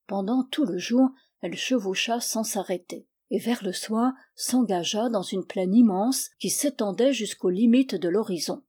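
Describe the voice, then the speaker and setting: Une femme qui lit un conte de fées d'une narration mesurée et expressive. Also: female voice, mid-range voice, measured pace, few pauses, husky. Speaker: storyteller. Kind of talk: fairy tale reading.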